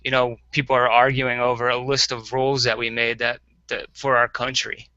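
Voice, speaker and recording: Bright-voiced man rambling on a podcast. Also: mid-range voice, level tone, a little fast, no room sound. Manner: rambling, laughs often, acts out quoted voices. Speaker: podcast co-host. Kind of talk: casual chat. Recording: dull lo-fi podcast audio.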